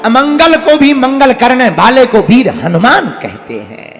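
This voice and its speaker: A man's voice: very high voice, very animated, a bit bright. A male preacher telling a joking village story in a folksy, emphatic sermon. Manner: folksy, joking, slow and emphatic, bursts into chanted verse. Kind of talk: humorous devotional storytelling sermon. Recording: long reverb in a large hall, faint music.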